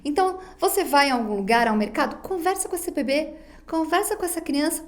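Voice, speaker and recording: A woman's voice: high-pitched, brisk. A woman giving a recorded psychology lesson, speaking directly to her students in a didactic way. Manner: didactic, addresses students directly, acts out parents' baby talk. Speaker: psychology lecturer.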